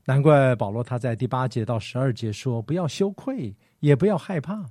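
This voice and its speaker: A man preaching a sermon with emphatic, expressive delivery. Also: medium pitch, normal speed, no room sound, clean studio sound. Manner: emphatic, expressive delivery with sharp swings in loudness.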